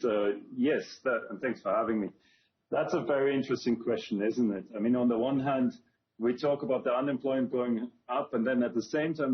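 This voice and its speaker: Thoughtful male policy specialist, mid-pitched, sober delivery; muffled remote-link sound. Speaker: employment policy expert. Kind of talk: remote TV news interview.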